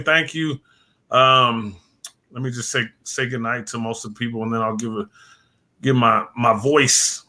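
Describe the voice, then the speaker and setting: In a casual late-night livestream chat, the male host rambles, repeats words and thanks viewers one by one by name. His medium-pitched voice has a bright, forceful tone, though it is worn, fading and giving out.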